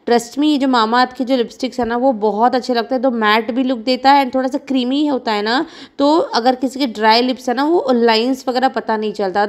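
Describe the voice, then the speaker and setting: A woman in her thirties from India, a vlogging mother chatting frankly and rambling as she talks over her own footage. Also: a little high. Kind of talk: casual chat narrating vlog footage.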